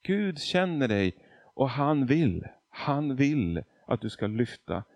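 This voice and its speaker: A man's voice: medium pitch, sing-song, darkish tone, no echo, highs cut off. A man from Argentina preaching a testimony sermon, telling his story with emphasis and acting out quotes.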